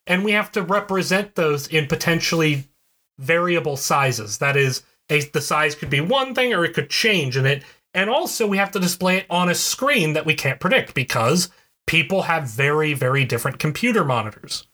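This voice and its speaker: A man's voice: on the high side, bright, forceful tone. A man co-hosting a podcast in casual chat, explaining things in a digressive way with many restarts. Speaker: podcast co-host.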